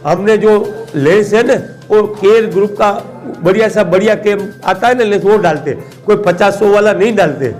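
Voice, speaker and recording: A man's voice: sits high, moderate pace, hardly any pauses, darkish tone, faint music behind. A middle-aged man from Gujarat, answering questions at a press conference in a humble, devout way. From Gujarat, India. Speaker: charitable trust representative.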